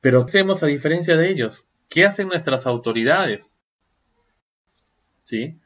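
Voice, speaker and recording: A man's voice: fairly high pitch, animated, moderate pace, fairly bright tone, dull audio. A man giving a seminar lecture, firing off rhetorical questions and checking in with the audience. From Peru.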